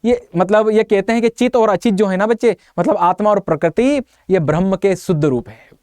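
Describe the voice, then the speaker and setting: Here a man with a high voice leads an exam-prep lecture, answering the very questions he keeps putting to his students. His lively delivery leans on jokes and playful memory tricks. The recording is studio quality with no echo.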